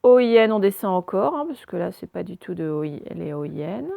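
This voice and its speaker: A woman's voice: lowish voice, lively intonation, brisk, creaky, warm tone, dry recording. A woman teaching a phonics lesson to young children, patiently spelling out letters one by one.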